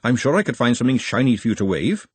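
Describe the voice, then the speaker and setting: A man voicing a practical, no-nonsense young woman who talks briskly and bluntly. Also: medium pitch, sing-song, slightly rough, dry recording.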